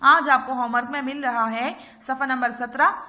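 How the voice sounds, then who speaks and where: A woman teacher with an Urdu-speaking Pakistani accent leads a recorded class for small children. Her voice sits high and sounds bright and crisp. She talks patiently, checks in with the class again and again, and stretches out each sound as she drills it. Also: steady tone. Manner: patient, repeats "theek hai" often, drills letters slowly. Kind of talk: recorded online class lesson.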